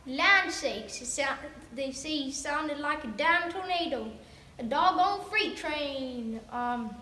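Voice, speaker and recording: A woman's voice: sits high, lively intonation, takes it slowly, sharp tone, slight background noise, exaggerated voice. A woman voicing a rambling old farmer pig who drawls in folksy country talk. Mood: gossipy. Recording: roomy echo.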